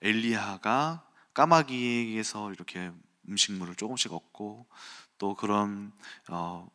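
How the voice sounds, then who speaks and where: Male preacher, bright and forceful tone, animated storyteller who acts out scenes. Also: on the low side. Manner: animated storytelling, acts out quotes and sounds, chuckles. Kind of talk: early-morning sermon with personal storytelling.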